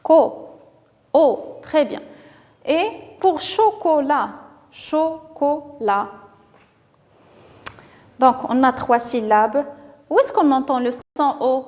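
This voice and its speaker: A high-pitched woman teaches young children to read, talking slowly and stretching each word so the sounds come through. She praises them often. Her voice trails off in a long reverb. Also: expressive, darkish tone. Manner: slow, carefully articulated, drawing out words to model sounds; encouraging, with frequent praise. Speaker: primary school teacher. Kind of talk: reading lesson for young children.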